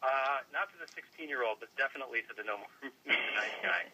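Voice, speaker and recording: A man talking casually as a radio interview guest, somewhat halting and repeating words mid-phrase. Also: medium pitch, noisy background. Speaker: interview guest, website editor.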